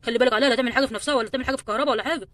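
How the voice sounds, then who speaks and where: A woman's voice: on the high side, very fast, fairly bright tone, dry recording, lightly acted. A woman with an Egyptian accent voicing a fussy, protective father doll who repeats his warnings. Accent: Egyptian Arabic.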